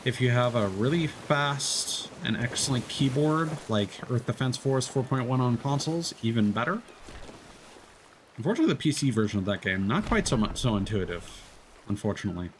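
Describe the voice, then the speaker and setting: Game music runs under this streamer's casual gameplay commentary as he rambles, cuts himself off mid-sentence, and swears a little. His medium-pitched voice is expressive and brisk, and there's a slight hiss or hum in the recording.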